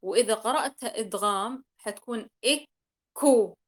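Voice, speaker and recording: A woman's voice: mid-range voice, brisk. A woman teaching Quran recitation rules in a class, explaining patiently, repeating key points and sounding out examples.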